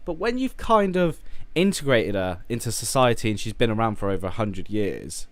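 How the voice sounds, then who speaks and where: Hungover uk guy streaming, lowish voice swinging all over, swears a lot, dry close sound. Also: big pitch swings, moderate pace, no echo. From United Kingdom. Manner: blunt, profane, rambling. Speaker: streamer ranking films. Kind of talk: casual live-stream commentary.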